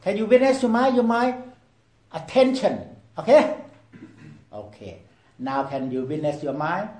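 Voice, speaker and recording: A man leading a group meditation in broken English, often asking "okay?" and swinging between loud prompts and hushed near-whispers. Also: sits high, big pitch swings, measured pace, roomy sound, poor audio. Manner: non-native broken English, repeats "okay?". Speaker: meditation teacher. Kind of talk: guided meditation talk.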